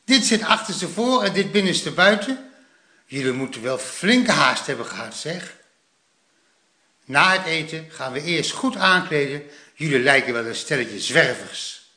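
A man voicing a brisk, scolding but caring gnome grandmother who speaks firmly. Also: on the high side, expressive, pushed and bright, reverberant, exaggerated voice. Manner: firm, scolding.

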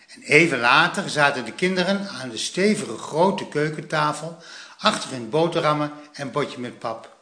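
A man reading a children's story aloud in a slow, expressive way. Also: fairly high pitch, roomy sound.

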